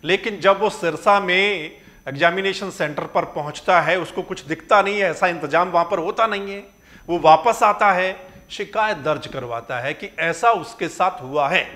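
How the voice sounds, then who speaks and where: Guy with a tinge doing a news commentary, high bright voice, keeps firing questions. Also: normal speed. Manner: questioning, emphatic, rhetorical. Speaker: news reporter presenting a report.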